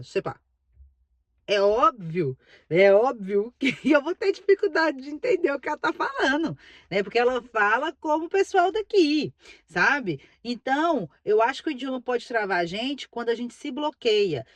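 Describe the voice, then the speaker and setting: A woman's voice: on the high side, very animated, moderate pace, no room sound. A middle-aged woman from Brazil with a Brazilian Portuguese accent, chatting casually to camera as a vlogger, emphatic and repeating herself for stress.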